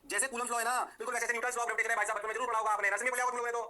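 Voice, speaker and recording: An older man lecturing on physics at a breakneck pace, his voice high and sharp-edged. He keeps the class hooked with rhetorical questions, drawn-out key phrases and playful sing-song chants. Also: little pitch movement. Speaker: physics teacher.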